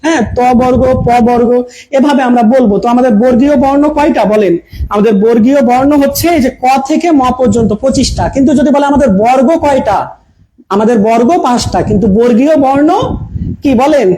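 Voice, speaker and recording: A man's voice: extremely high pitch, fairly quick, dark tone, rough recording. A man teaching an online grammar class in front of a projector. He repeats key points, keeps asking his viewers questions, and mixes English words into his speech. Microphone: camera mic.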